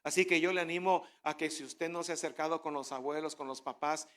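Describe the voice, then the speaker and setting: High-voiced pastor preaching. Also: male voice, fairly even intonation, quick pace. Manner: conversational preaching, frequent rhetorical questions; builds to loud fervent declaration. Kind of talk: sermon.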